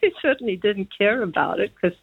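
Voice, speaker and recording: A woman's voice: mid-range voice, animated, a little fast, gravelly, breathy edge. A woman in her seventies from Zambia, calling in to a radio show and telling a childhood memory with frequent laughter. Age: 70s. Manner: chatty, laughing often, rambling memories. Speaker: caller. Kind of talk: phone-in chat. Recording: tinny phone line.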